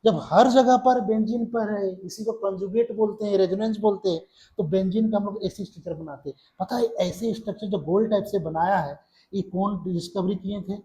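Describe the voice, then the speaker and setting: High-voiced male chemistry teacher lecturing. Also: fairly quick, warm tone, poor audio. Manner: repeats key terms as questions to students; counts along while drawing on board. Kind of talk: classroom lecture.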